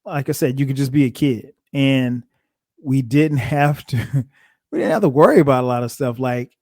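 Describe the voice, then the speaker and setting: A man in his forties, a podcast host from South Carolina, casually telling his own story in a reflective, thinking-aloud way with frequent soft chuckles. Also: mid-range voice, normal speed, no room sound, clean studio sound.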